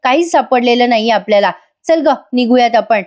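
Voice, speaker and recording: A loud middle-aged aunt barks blunt questions, voiced by a woman narrator. Her manner is bossy and impatient. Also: on the high side, lively intonation, fairly quick, close to an everyday voice. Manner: shouting, blunt.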